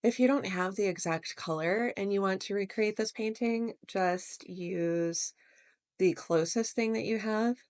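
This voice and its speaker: A woman narrating her watercolor painting step by step in a gentle, explanatory way, as host of a real-time art tutorial. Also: mid-range voice, measured pace, no room sound.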